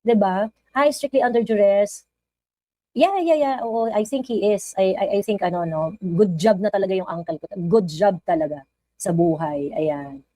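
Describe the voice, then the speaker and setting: A woman with a Filipino accent chats casually on a live stream, greeting viewers and reading their comments aloud. Her voice is mellow and warm. The sound is dry and close to the mic. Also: mid-range voice, normal speed, no echo, rough recording. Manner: chatty, code-switching, reads viewer comments aloud.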